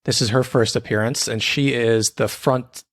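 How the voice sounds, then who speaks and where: A man's voice: mid-range voice, steady tone, moderate pace. A young man co-hosting a podcast, easygoing and rambling, often restarting his words. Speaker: podcast co-host. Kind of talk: casual chat.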